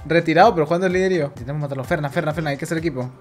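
A man talks through a game he is streaming live. He swears constantly and swings into loud, shouted outbursts. Faint music plays quietly under his voice. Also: fairly high pitch, racing. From Peru. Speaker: gaming streamer. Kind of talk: live gameplay commentary.

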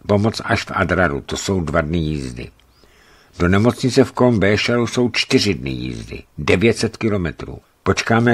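A man reading a travel book aloud in calm storytelling narration. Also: deep voice, husky. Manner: calm storytelling, lifts his voice for quoted speech.

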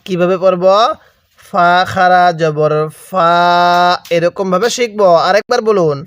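With a high, fairly bright voice on a dry recording, a man speaking with a Bangladeshi Bengali accent patiently teaches the pronunciation of Quran letters. He drills sounds one by one at a slow pace, prompting viewers to read along and repeat after him in a call-and-repeat lesson.

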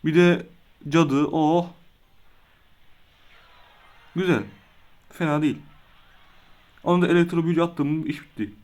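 Hot-tempered young man gaming, fairly high voice. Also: fairly even intonation, measured pace, long pauses, darkish tone. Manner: hot-tempered, swears and groans in frustration. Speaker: gaming video creator. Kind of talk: casual live commentary while playing a game.

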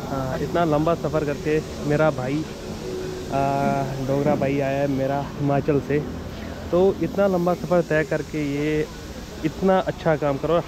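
A man speaks in a friendly, praising, chatty way while standing outdoors at a roadside stop. His voice is slightly high. Traffic noise is clearly heard around him. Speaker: fellow passenger and moto vlogger. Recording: phone recording with clear road noise.

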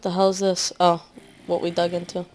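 A woman with a lowish voice talks through her gameplay in a loose, rambling way. She leans on fillers and often lets her sentences drop off quietly. Faint game noise sits under her voice. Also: completely flat delivery, moderate pace. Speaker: gaming commentator. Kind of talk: casual let's-play commentary.

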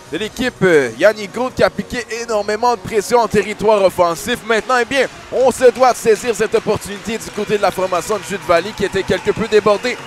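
A man with a Quebec French accent doing excited sports commentary as a hockey analyst, in explanatory, wordy phrasing. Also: high-pitched.

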